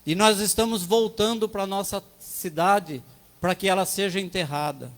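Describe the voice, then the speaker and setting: A man voicing a grieving widowed father in a parable, apologizing calmly and humbly. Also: high-pitched, moderate pace. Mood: apologetic. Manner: calm, apologetic explanation.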